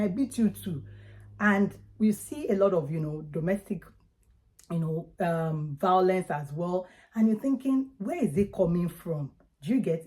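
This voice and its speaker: A woman's voice: fairly low pitch, mellow. A woman with a Nigerian Yoruba accent giving casual, emphatic advice straight to viewers in a conversational way. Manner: emphatic, conversational, acts out examples. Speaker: parenting vlogger.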